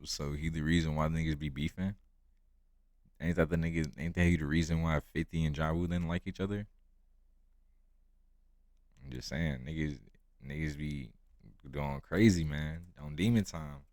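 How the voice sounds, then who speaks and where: A man's voice: rumbling low, fairly even intonation, normal speed, long pauses, darkish tone, no echo, studio quality. A man giving casual, blunt and profane reaction commentary on a video, full of slang.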